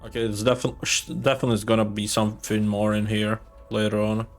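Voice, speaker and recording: A man giving casual, low-key gameplay commentary, thinking aloud as he goes. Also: completely flat delivery, quick pace, faint music behind. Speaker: gamer playing a space role-playing game.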